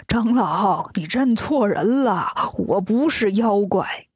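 A woman voicing a boastful, scheming male demon king in a children's story, with a sly, slow drawl. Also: medium pitch, lively intonation, a little mellow, husky, no room sound, clean studio sound, pitched below the performer's own voice, exaggerated voice. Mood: wheedling.

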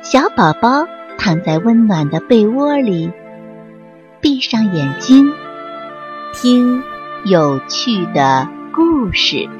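A woman gently introducing and closing a children's bedtime story, speaking softly. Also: a little high, muffled recording. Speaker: bedtime story show presenter. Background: tinkling music.

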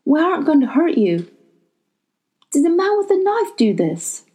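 A woman voicing a steady, protective boy of about twelve who speaks in quiet, firm tones in a storybook reading. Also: high voice, normal speed, pitched above the performer's own voice.

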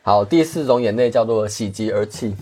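A man's voice: lowish voice, normal speed, dark tone, breathy edge. A man, a guest earnestly telling travel stories in casual chat. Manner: earnest, candid, many restarts.

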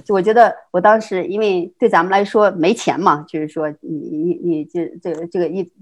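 A middle-aged woman from China, a guest telling her life story in casual conversation, quick and full of restarts and laughs. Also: on the low side, steady tone, a little mellow. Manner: fast, with many repeated words and restarts, frequent laughs. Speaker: interview guest.

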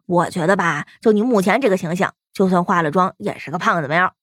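A woman's voice: lowish voice, fast, dry recording, clean studio sound, natural voice. A woman voicing a pleading, fawning male talking cat who craves beer, in an audiobook. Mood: casual. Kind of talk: audiobook role-play.

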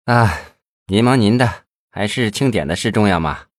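A man voicing a confident, blunt businesswoman who teases her host with sharp, mocking frankness. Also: fairly low pitch, expressive, normal speed, no room sound, studio quality, close to an everyday voice. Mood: firm. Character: confident businesswoman, company chairwoman, teasing and blunt.

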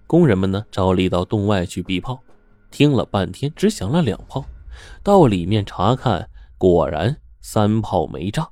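Low mellow guy telling a spooky story, dry close sound, faint music under it. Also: moderate pace, dry recording. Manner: steady, suspenseful telling. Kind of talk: scripted story narration.

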